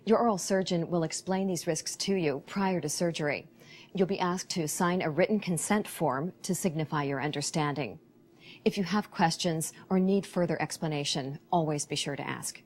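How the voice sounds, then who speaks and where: Low-voiced woman presenter, noisy ambience. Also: normal speed, a little mellow. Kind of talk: scripted presentation. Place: planted indoor atrium.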